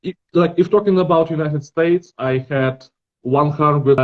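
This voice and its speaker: A man's voice: fairly high pitch, a little slow, narrow, tinny audio. A man from Belarus speaking with a Belarusian accent, a guest on a casual podcast, hesitant and searching for his words. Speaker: guest artist.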